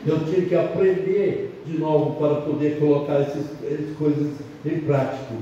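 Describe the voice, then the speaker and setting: An older man's voice, on the high side and warm, moves at normal speed with fairly even intonation and a little background noise. A foreign-born pastor, not Brazilian and not a native Portuguese speaker, he preaches emphatically and repetitively in a learned language. The church hall is very echoey, and the mic is distant and muffled.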